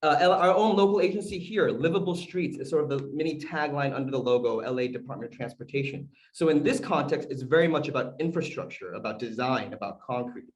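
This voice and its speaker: A community organizer from the United States, whose first language is Korean, talks to a video call audience in a medium-pitched voice, quickly and with few pauses. He keeps a conversational tone, asks questions, and uses many fillers, with slight background noise behind him.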